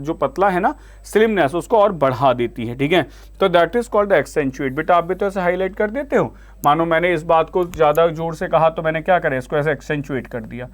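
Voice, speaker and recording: An Indian man with a somewhat high voice teaches an online vocabulary class. He reads each English example sentence out slowly, then explains it, calling his students "beta" along the way. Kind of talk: vocabulary lesson.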